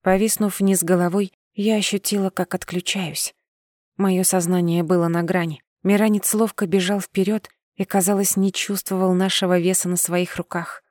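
A woman narrating a first-person audiobook in a measured, steady reading. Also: on the low side, no echo, clean studio sound.

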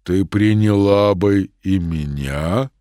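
A man voicing Death as a huge, slow shadow. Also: deep voice, dark tone, no echo, studio quality, voice pushed down. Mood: solemn. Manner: slow, drawn-out, solemn. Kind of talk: audiobook storytelling.

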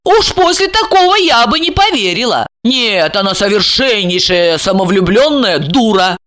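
A woman voicing a brash, greedy young woman who makes impatient, shrill demands in an audiobook. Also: very animated, moderate pace, a bit bright. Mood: pushy. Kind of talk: audiobook character voice.

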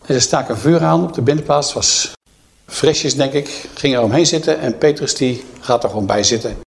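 A man's voice: medium pitch, fairly quick. A middle-aged man preaching in a conversational, storytelling way, often adding tag questions. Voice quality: creaky. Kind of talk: sermon retelling a Bible story.

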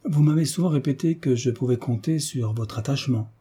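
A man's voice: mid-range voice, a little fast, warm tone, breathy edge. Man reading a commanding young heiress. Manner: firm, clipped orders. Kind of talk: audiobook character reading.

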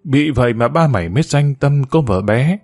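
A jealous, heartbroken mother speaks with bitter resentment, her voice close to tears, as a man reading the story puts her on. Her pitch sits in the ordinary middle range for a storybook reading. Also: lively intonation, normal speed, a little mellow, lightly acted. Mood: bitter, tearful. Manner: tearful, resentful scolding.

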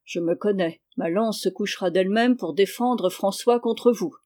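A reader voicing a calm, menacing iron knight. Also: mid-range voice, lightly acted. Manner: calm, measured, quietly threatening. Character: armored knight count, calm, menacing, arrogant. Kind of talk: audiobook character reading.

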